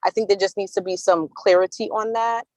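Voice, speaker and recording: A woman's voice: mid-range voice, fairly even intonation, fairly quick, a little mellow, no echo. A woman speaking on a car speakerphone while driving, joining a committee meeting call. She talks hesitantly, with many fillers and restarts. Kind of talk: casual meeting discussion on a call. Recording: dry speakerphone audio from a car.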